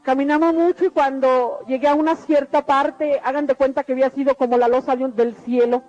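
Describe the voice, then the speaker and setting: High-voiced woman giving testimony. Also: fairly even intonation, brisk, darkish tone. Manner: earnest, repetitive storytelling. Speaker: testimony speaker. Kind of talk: personal religious testimony. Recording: dull lo-fi radio recording with faint music.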